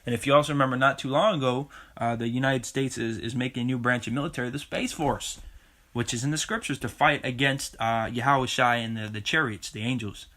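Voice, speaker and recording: Bright-voiced man preaching about prophecy. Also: mid-range voice, brisk. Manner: keeps asking "okay?" and says "man"; reads scripture aloud emphatically. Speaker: religious video blogger. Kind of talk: preaching bible commentary.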